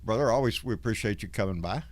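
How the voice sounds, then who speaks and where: A man's voice: fairly low pitch, quick pace, no echo. A man with a Southern US accent and a folksy drawl, hosting a casual livestream chat with salty language. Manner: salty, profane. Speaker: host of a live online show.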